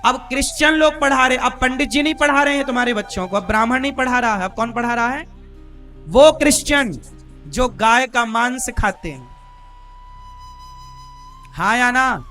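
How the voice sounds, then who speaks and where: Male preacher, very high piercing voice, hammers the crowd with questions, soft flute behind. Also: moderate pace, long pauses, faint music behind. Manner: rhetorical questions to the audience, demanding replies; forceful, emphatic preaching with rising outbursts. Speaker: preacher giving a scripture discourse. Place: live religious gathering.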